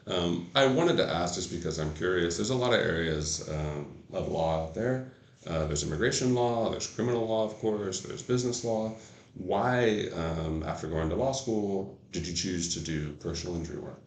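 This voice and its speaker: A man's voice: low voice, normal speed, a little hiss or hum. A man interviewing a guest for a lawyers' association, encouraging and friendly, with many fillers. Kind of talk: casual interview. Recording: echoey room.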